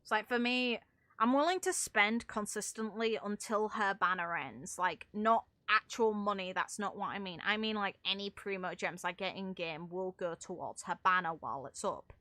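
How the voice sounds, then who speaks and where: Speaking at medium pitch and a moderate pace, this young woman sounds bright and forceful, with no echo in the audio. She's a game streamer chatting loosely with viewers, drifting around and swearing mildly as she goes.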